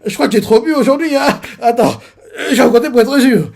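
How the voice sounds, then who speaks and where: A man's voice: very high voice, expressive, brisk, vocal fry, darkish tone, voice pushed up, exaggerated voice. A man voicing a drunk adult man who stammers in rising disbelief as he rereads a bounty poster. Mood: flustered.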